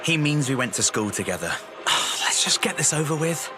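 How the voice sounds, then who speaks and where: A man acting as a reluctant but good-humoured young racer in a video game. His delivery is wry and informal, with loud music behind. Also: on the high side, animated, normal speed, close to an everyday voice. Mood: weary, reluctant. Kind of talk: video game dialogue, casual confession.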